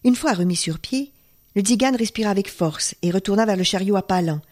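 A woman storyteller reading a folk tale aloud, expressive and dropping to a hush at tense moments. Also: mid-range voice, fairly quick.

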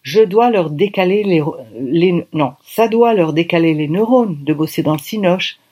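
A woman reading a first-person novel aloud in a lively, conversational way. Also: fairly low pitch, moderate pace, husky. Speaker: audiobook reader.

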